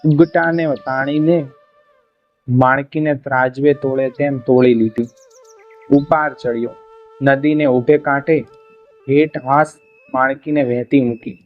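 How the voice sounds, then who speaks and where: A man narrates a folk tale in a steady, dramatic storyteller's manner, at a mid pitch. The recording sounds dull and lo-fi, with faint music behind his voice. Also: unhurried, long pauses. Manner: steady dramatic storytelling, voicing cries of the characters. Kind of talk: reading a Gujarati folk tale aloud.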